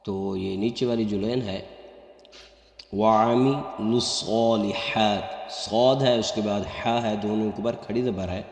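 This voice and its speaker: A man teaching correct Quran recitation, explaining pronunciation mistakes and then chanting the verses in a high, drawn-out melody. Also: steady tone, a little mellow. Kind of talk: slow tajweed lesson with chanted recitation. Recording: echoey room with long reverb.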